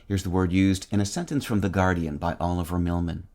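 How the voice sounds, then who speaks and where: Deep-voiced man reading a word of the day. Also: fairly even intonation, warm tone. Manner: measured, wry and precise, spells words out. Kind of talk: scripted vocabulary reading.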